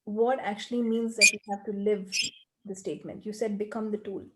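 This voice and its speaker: A woman leading a group coaching call, explaining earnestly and slipping into quiet, rapid repeated phrases. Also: mid-range voice, steady tone, heavy background noise.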